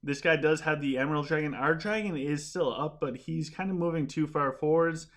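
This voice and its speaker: Speaking briskly in a slightly high voice, a man streams his gameplay live and fields questions from viewers. He rambles and restarts often as he chats, and his voice is starting to give out.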